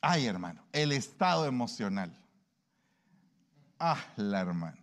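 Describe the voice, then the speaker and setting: A man preaching a sermon in an animated way, acting out everyday dialogues. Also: lowish voice, a little slow. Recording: long hall reverb.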